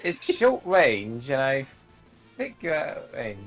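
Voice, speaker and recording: A man's voice: medium pitch, wildly swooping pitch, slow pace. A man playing a tabletop game with friends, joking and laughing, with faint music behind. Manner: playful, laughing. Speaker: player. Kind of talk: casual chat.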